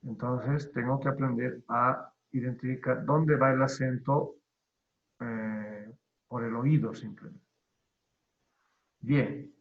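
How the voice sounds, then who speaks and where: A man teaching an online class, explaining slowly step by step, his voice trailing off at the end of phrases. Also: medium pitch, fairly even intonation, vocal fry. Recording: dull lo-fi audio.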